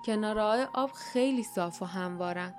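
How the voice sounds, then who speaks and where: A woman's voice: medium pitch, faint music behind, natural voice. A woman voicing a hungry, nervous teenage boy in an audiobook, anxious and jumpy. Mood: certain.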